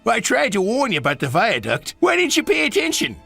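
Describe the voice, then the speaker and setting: A cranky old prospector for a children's TV show. The voice is pitched very high and crackles with heavy gravel, swinging brightly up and down. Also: male voice, huge pitch swings, quick pace, faint music behind, exaggerated voice. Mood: cranky, insistent. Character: Old Bailey, cranky old prospector-like railway man. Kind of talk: children's TV storytelling, character voice.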